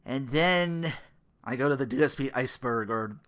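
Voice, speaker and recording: At a normal speed, a podcast host with a medium-pitched, fairly bright voice rambles through sardonic, profane commentary. The content creator often performs the quotes being discussed.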